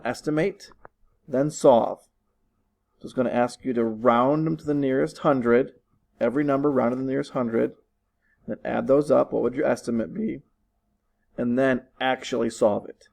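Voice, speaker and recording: A man's voice: medium pitch, vocal fry, darkish tone, low-quality recording. A man teaching his students from his living room, walking them through test questions patiently and repeating instructions. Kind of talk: recorded online lesson walkthrough.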